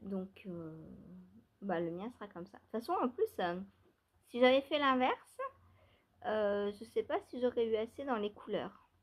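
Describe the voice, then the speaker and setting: A woman's voice: on the high side, animated, moderate pace. A woman vlogger chatting casually about her knitting, rambling with many fillers, restarts and small laughs. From France. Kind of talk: casual chat.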